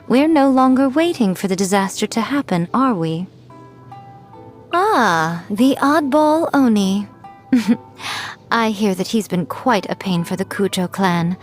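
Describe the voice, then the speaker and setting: A woman voicing a sly, elegant fox-spirit shrine maiden in a video game, speaking in deliberate phrases with a coy, haughty, playfully condescending manner. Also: medium pitch, a little mellow, lightly acted. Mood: wry, then amused. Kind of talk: scripted video game character voice-over. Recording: music behind the voice. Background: background music.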